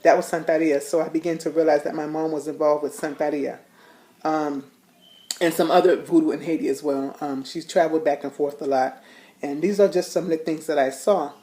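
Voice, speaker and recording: A woman's voice: sits low, steady tone, fairly quick, dark tone. A woman giving a personal testimony in a casual, rambling way, with many fillers and restarts. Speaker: ministry leader giving testimony.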